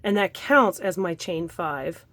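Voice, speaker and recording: Young woman rambling thru a crochet tutorial, laughs a lot, kinda breathing heavy, lowish voice, dry room. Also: animated, takes it slowly, a bit bright, no room sound. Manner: chatty, laughs often, rambling asides. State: breathing heavily from effort. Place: home room by a window.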